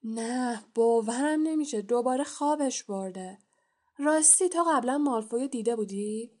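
A woman's voice: fairly high pitch, darkish tone, lightly acted. A woman voicing a blunt, indignant red-haired schoolboy in an audiobook reading. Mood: surprised. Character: red-haired schoolboy from a poor big family.

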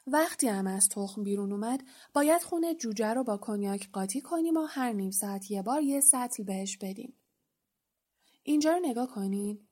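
A woman voicing a big, gruff male gamekeeper in a storybook reading, chatty and rambling, her voice slightly high for a woman. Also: expressive, warm tone. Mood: boastful.

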